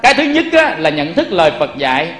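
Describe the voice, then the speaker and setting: A man's voice: a little high, big pitch swings, quick pace, a bit bright. A man giving a Buddhist sermon, often turning to the audience with rhetorical questions. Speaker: Buddhist preacher. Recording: echoey room.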